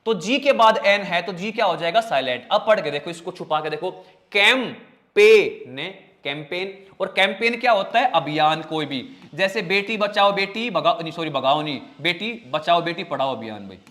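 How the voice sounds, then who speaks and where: An animated man with a high-sitting, slightly bright voice runs an online exam-prep lesson on English vocabulary. He's playful, cracks jokes, calls his students brother and child ("bhai" and "beta"), and spells words out slowly, syllable by syllable.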